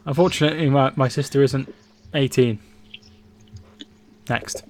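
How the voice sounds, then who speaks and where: A man's voice: mid-range voice, steady tone, unhurried, slight background noise. A man in his twenties from England, casually co-hosting a football watchalong stream, chatting and reading out viewer comments. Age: 20s. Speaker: livestream co-host.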